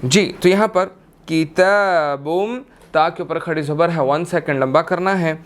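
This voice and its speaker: A young man teaching how to recite a scripture, chanting each verse and then explaining the pronunciation rules patiently, step by step. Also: on the high side. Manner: patient step-by-step explaining, often checking in with "okay"; drawn-out melodic chanting when reciting verses.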